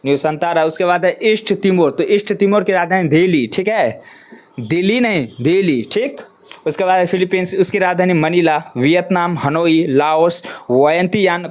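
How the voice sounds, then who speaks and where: High-voiced man drilling geography answers. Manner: repetitive, drills answers with frequent "theek hai"; addresses viewers as friends, motivational sign-off. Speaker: teacher. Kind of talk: exam-prep geography lesson.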